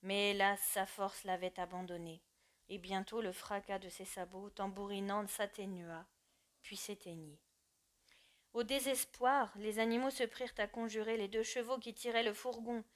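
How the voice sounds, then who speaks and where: A woman narrating an audiobook with an expressive and measured reading. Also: mid-range voice.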